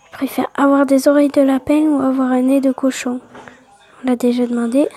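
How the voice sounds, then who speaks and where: A woman's voice: high-pitched, flat delivery, brisk, warm tone. A woman hosting a casual gaming video, reading quiz questions aloud and answering them offhandedly, often half-whispering. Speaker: video host.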